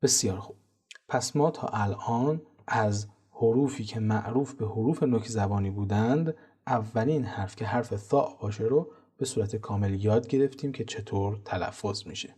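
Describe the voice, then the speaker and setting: A man teaching Quran pronunciation, explaining calmly and methodically and chanting example words slowly. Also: on the low side, breathy edge. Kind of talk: instructional lesson on tajweed pronunciation.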